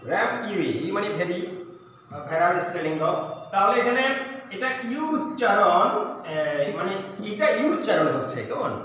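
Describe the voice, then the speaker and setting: A man from Bangladesh with a high voice teaches an English grammar lesson, patiently repeating words and checking that his students follow. He is picked up from a distance in a strongly echoing room, with a long reverb tail and faint background ambience. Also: pushed and bright, slight background noise. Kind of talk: recorded classroom lesson. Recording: echoey room, mic far off.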